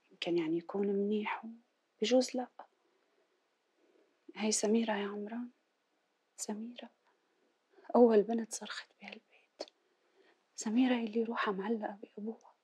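An actress playing a devoted, anxious wife in a Syrian period television drama, speaking in a soft, coaxing, emotional and often breathy voice. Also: female voice, mid-range voice, fairly even intonation, a little fast, long pauses, natural voice. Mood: anxious pleading. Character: devoted, pleading wife, anxious to please her husband. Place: furnished room indoors. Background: music.

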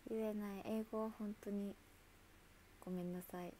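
A woman's voice: medium pitch, darkish tone, a little hiss or hum. A woman idol chatting casually with viewers on a livestream, talkative and laughing often.

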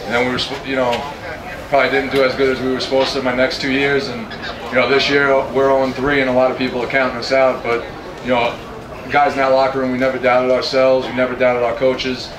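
Speaking quickly at a medium pitch with little pitch movement, a man in his early twenties answers press questions earnestly. He's a college football player holding a handheld microphone in a press tent. The recording is roomy and distant, with clear ambient background noise.

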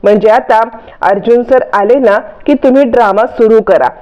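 A woman's voice: a little high, normal speed, dull audio, close to an everyday voice. A woman voicing an angry young wife who scolds her husband in a reproachful way. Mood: annoyed.

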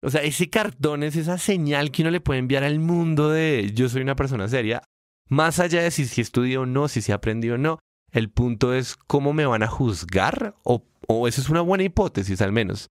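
A man talks through ideas on a casual podcast, his voice jumping up in pitch when he stresses a point. His mid-range voice sits close to the mic with a dry, dead sound and no room around it. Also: fairly quick, no echo. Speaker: podcast co-host.

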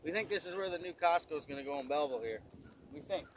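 A middle-aged man with a slightly high voice hosts a casual vlog. He is outside in an open lot, with clear noise on the camera's audio. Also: animated, very fast. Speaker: host of dip review show. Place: outdoors in a gravel lot by woods. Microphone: camera a few feet away. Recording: noisy outdoor camera audio.

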